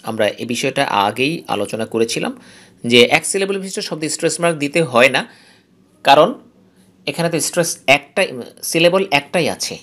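A male English teacher from Bangladesh giving a recorded phonetics lesson. He explains slowly, repeats key terms and reads English rules aloud. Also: medium pitch, fairly bright tone.

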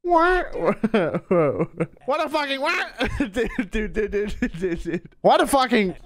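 Excitable swearing man streaming a game. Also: sits high, takes it slowly, slight background noise. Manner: excitable, swears a lot, laughs and shouts often. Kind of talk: gameplay commentary.

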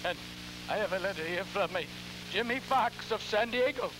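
A man playing a ghoulish, theatrical horror host, halting and repeating his words in a campy, scheming, cackling manner on an old television show. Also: sits high, lightly acted. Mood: macabre, gleeful. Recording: noisy, humming vintage television recording.

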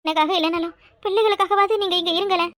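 A sorrowful cartoon mother, played by a woman speaks. Her voice is very high and quick, and it sits dry and close to the mic. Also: steady tone, fairly bright tone, no echo. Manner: tearful, earnest pleading. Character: loyal wife and mother, sorrowful but firm. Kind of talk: cartoon voice acting.

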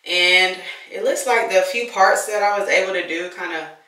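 A woman talks in a relaxed, rambling vlog style, sounding a little congested. Her voice is bright and forward. The sound bounces around a small tiled bathroom. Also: on the low side, recorded from a distance. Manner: laid-back, chatty, drawn-out fillers. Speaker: vlogger. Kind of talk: casual hair-care vlog chat. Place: home bathroom. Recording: echoey bathroom.

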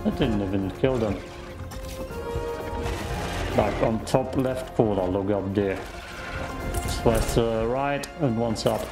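Slow, gravelly young man streaming a game. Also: lowish voice, over music. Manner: muttering, grumbling, swears. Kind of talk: casual gameplay commentary.

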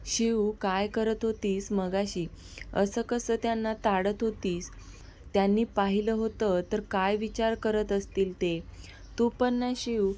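A flustered young wife in an audio storybook romance, asking softly and pleading with her husband, as a woman narrator reads her lines. Her voice stays gentle and close to an everyday speaking voice. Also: mid-range voice, steady tone, takes it slowly, slight background noise, natural voice. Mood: shy.

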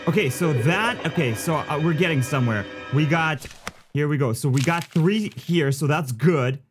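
A man's voice: fairly high pitch, normal speed, music in the background. Jumpy man commentating a horror game. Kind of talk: gameplay commentary, thinking aloud.

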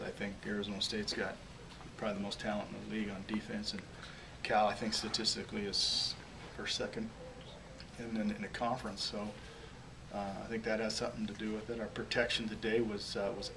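A man in his forties, a head football coach, answers questions at a postgame press conference in a small press room in front of a logo backdrop, often restarting and repeating words as he hunts for phrases. His lowish voice moves fairly quickly with little pitch variation. He's picked up by a table microphone on a stand, distant, with audible room noise.

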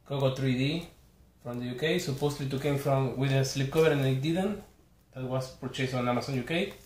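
An Argentine collector with a darkish mid-range voice walks the camera through his haul in a casual chat. His delivery is halting and apologetic as he calls out each title individually. He speaks Spanish natively, with an Argentine accent, from a small, echoey bedroom indoors.

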